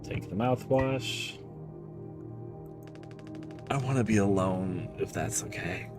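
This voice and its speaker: A dejected young slacker intern from a video game, acted out by a man. He speaks in a lowish voice at a dragging pace, hesitant and apologetic, blaming himself. Music is heard behind him. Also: takes it slowly. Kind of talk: reading game character dialogue aloud.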